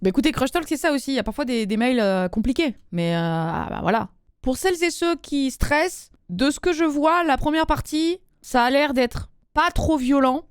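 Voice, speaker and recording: A woman's voice: sits high, lively intonation, normal speed, smooth, dry recording, clean studio sound. A young woman hosting a casual advice podcast, talking in loose slang and laughing easily. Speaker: podcast host giving love advice. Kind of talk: casual group podcast chat.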